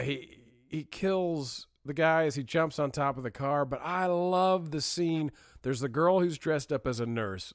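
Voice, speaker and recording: A man's voice: medium pitch, no room sound, studio quality. A man co-hosting a podcast, talking casually and enthusiastically, laughing easily. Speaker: podcast co-host. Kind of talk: casual chat.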